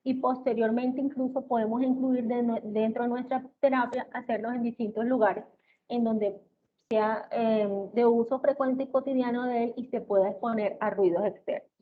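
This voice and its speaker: A woman giving an explanatory lecture on therapy methods, often checking in with her listeners and filling pauses with hesitation sounds. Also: a little high, steady tone. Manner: checks in with listeners with "¿ok?" and "¿sí?", many "eh" fillers. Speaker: lecturer in auditory-verbal therapy. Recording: tinny, phone-like with faint hiss.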